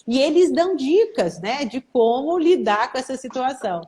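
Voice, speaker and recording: A middle-aged Brazilian woman therapist talking casually on a live stream, telling lively stories and acting out the voices of the people she quotes. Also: sits high, moderate pace. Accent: Brazilian Portuguese. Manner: animated storytelling, acts out quoted voices.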